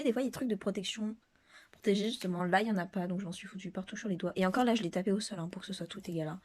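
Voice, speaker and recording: A woman's voice: mid-range voice, darkish tone, slight background noise. A young woman in her teens chatting casually while unboxing skincare products, rambling with many fillers and sometimes dropping to a whisper late at night. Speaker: vlogger. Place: bedroom at night.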